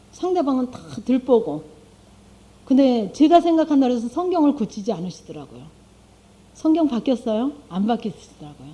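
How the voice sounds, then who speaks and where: A woman's voice: on the high side, mellow. A middle-aged woman, a lay church speaker, giving a conversational testimony, asking her listeners rhetorical questions and acting out her own prayers aloud. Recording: dull lo-fi recording.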